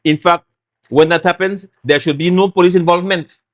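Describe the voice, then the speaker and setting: A man's voice: high voice, fairly even intonation, a little fast. A middle-aged Belizean man, a former party chairman, speaking as a guest in a talk show interview, making his points with emphasis and repetition. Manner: emphatic, repeats points, acts out quotes.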